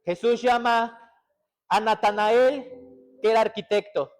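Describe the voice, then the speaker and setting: A man preaching a sermon as pastor. He puts questions to the congregation and moves between urgent, stressed passages and hushed, intimate ones. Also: very high voice, takes it slowly, soft background music. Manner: emphatic preaching with many rhetorical questions to the congregation.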